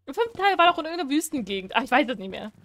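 A woman's voice: sits high, big pitch swings, racing, fairly bright tone. A young woman commenting on a horror game, chatty and jumpy, talking to herself and the characters. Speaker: let's play gamer.

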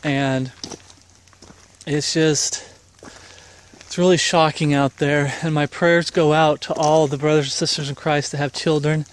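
On a foggy woodland trail, a middle-aged man walks and preaches in a fairly high, level-toned voice at a measured pace. The sermon is informal, earnest, and rambling, full of exhortation and fillers, filmed on a phone camera at arm's length with a little hiss or hum.

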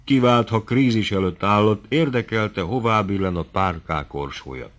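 Low-voiced male audiobook narrator. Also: fairly bright tone.

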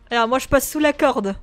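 A high-pitched woman plays a brawling video game with a friend, rowdy and playful, laughing and shouting as she goes. Game music plays faintly behind her. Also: no room sound. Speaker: gaming YouTuber. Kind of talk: casual let's play chat.

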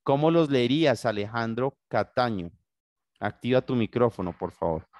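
A Colombian man teaches an English lesson over a video call, patiently guiding his students and checking in with them again and again. His voice sits at a middling pitch. The sound is close and dry, with no room around it. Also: animated, moderate pace, darkish tone, no room sound. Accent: Colombian Spanish. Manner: patient, guiding, asks "¿sí?" often. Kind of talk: online class, bilingual instruction. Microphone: computer mic on video call.

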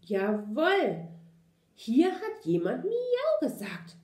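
Gruff, naive storybook puppy, read by a woman, grumpy questions, roomy echo. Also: a little high, very animated, a little slow, darkish tone, voice pushed up. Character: young male puppy, gruff but naive.

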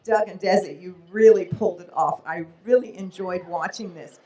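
A woman's voice: lowish voice, moderate pace. A woman judging a dance performance at a live gala, listing compliments one after another. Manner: warm praise, listing compliments. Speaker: judge. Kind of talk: live critique. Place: ballroom at a charity dance gala. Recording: echoey hall with loud noise, mic from afar.

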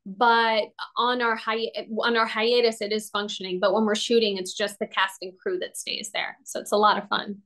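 A young woman who grew up in Latin America, an actor talking as a guest in a casual video-call interview, lively and expressive, laughing often. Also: medium pitch, normal speed, few pauses. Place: home room, indoors.

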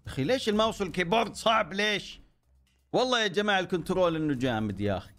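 A man giving excitable commentary over his own gameplay, cheering himself on and joking with his viewers. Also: sits high, racing, soft background music. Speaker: gaming YouTuber.

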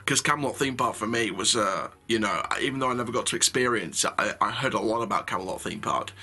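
A man's voice: lowish voice, fast talker, pushed and bright. A young man hosting a theme park channel, reading a news update and then giving his opinions in a chatty way, with many ums and restarts. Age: young adult.

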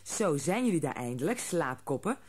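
A woman's voice: deep voice, very animated, normal speed, a little mellow, breathy edge, full character voice. A woman voicing a cheerful, fond mother rabbit in a children's storybook.

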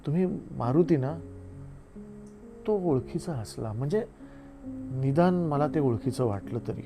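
A middle-aged man from India reading his own short reflective essays aloud in a measured, storytelling manner, with quiet pauses. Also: medium pitch, lively intonation, music in the background. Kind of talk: literary book reading.

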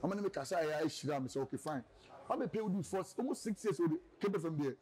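A man with a Ghanaian accent talks through his story in a relaxed interview. His voice is mellow and a little high. He rambles and slips between a local language and English. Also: quick pace, low-quality recording. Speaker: radio presenter, guest.

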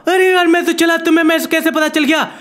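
A man's voice: extremely high pitch, flat delivery, fast, a bit bright, pitched above the performer's own voice. A man voicing a sneaky, scheming male twin brother in a game video, talking boastfully and gloating.

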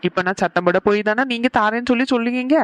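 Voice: medium pitch, fast, a bit bright, clear, resonant tone, dry recording, close to an everyday voice. Someone voicing a blunt cartoon moneylender man. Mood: demanding. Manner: blunt, demanding, threatening. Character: stern male village moneylender. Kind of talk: cartoon voice acting.

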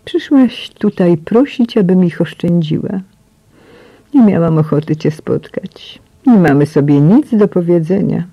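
Woman reading an imperious old queen, cold and scornful, breathy tone, slightly muffled dry recording. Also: on the low side, animated, a little slow, warm tone, no room sound, exaggerated voice. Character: proud aging queen, imperious, bitter.

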